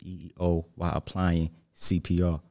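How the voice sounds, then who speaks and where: A man's voice: sits low, flat delivery, moderate pace, mellow. A man with a Brooklyn New York accent, chatting casually in slangy, street-style speech as a guest. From New Jersey, US. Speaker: hot seat guest, aspiring motivational speaker. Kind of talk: casual conversation.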